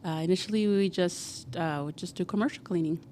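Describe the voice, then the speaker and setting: Chatty woman from Guatemala, low-pitched. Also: a little fast, dark tone, slight background noise. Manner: chatty, many fillers like "like" and "you know". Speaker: guest, cleaning company founder. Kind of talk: casual podcast interview.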